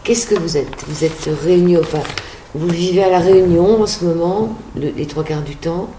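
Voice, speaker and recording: Radio host lady, lowish mellow voice, asks stuff kinda hesitantly, echoey room. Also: moderate pace, a little hiss or hum. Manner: conversational, slightly hesitant questions. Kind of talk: radio interview.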